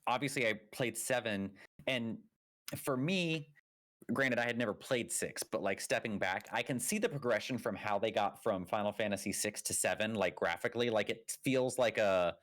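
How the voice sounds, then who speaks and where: A man co-hosting a podcast chats casually and rambles, using lots of fillers and correcting himself. His lowish, fairly bright voice moves at a moderate pace, recorded in a clean studio with no echo.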